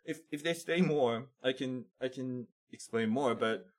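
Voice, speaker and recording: A man from South Korea with a Korean accent, speaking English as a second language, answering interview questions in a halting way as he searches for words. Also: medium pitch. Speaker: chocolate shop owner, guest.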